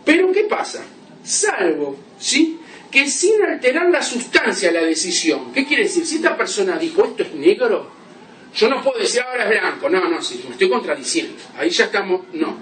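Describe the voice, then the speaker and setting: Male lecturer, high animated voice, explains with examples, echoey classroom. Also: normal speed, a little hiss or hum. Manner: explains with examples, asks "¿sí?" often. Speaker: law lecturer. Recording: roomy classroom from a distance.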